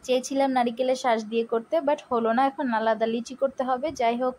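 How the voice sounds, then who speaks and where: A woman's voice: high voice, flat delivery, fast, a little mellow. A young woman with a Barishal Bengali accent, chatting casually as she demonstrates a recipe in her home kitchen and keeps telling viewers to look. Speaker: cooking vlogger.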